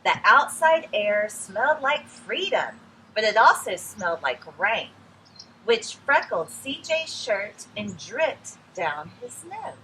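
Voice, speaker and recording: A woman reading a picture book aloud outdoors to young children, expressive and addressing them directly as friends. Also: mid-range voice, slow, rough recording. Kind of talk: animated read-aloud storytelling for young children. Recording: some background noise, outdoor ambience.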